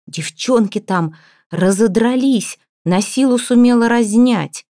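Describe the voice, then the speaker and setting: A woman voicing a lively young wife of a chieftain who excitedly reports news. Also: a little high, takes it slowly, dry recording, clean studio sound, voice pushed up.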